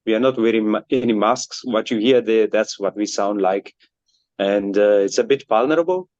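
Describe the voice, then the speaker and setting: A man's voice: fairly low pitch, normal speed, a little mellow, no room sound, muffled recording. A man from Botswana, a band member being interviewed, speaking earnestly with many fillers. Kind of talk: casual interview answers.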